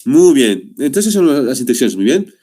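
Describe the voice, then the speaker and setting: With big pitch swings in a mellow, mid-range voice, a young man teaches a class online over a video call at a moderate pace. He checks in with "¿no?" after each point, patiently explaining and saying "muy bien" again and again.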